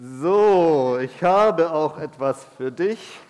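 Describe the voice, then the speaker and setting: A man playing a jolly old Saint Nicholas at a church community gathering, calling out booming ho-hos and reciting verse slowly and solemnly. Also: expressive, darkish tone, clear, resonant tone. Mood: playful teasing.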